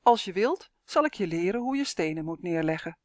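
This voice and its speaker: A woman voicing a calm, patient old gardener who explains things unhurriedly in a storybook reading. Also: on the low side, a little fast, dry recording, studio quality, close to an everyday voice.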